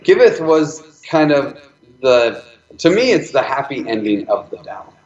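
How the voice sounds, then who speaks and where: A man at a live event, talking quickly and often restarting his sentences. His voice has a middle pitch and carries the echo of a roomy hall. The sound is slightly dull. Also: big pitch swings. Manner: fast, with many fillers and restarts. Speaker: speaker presenting his nonprofit project. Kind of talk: live presentation talk.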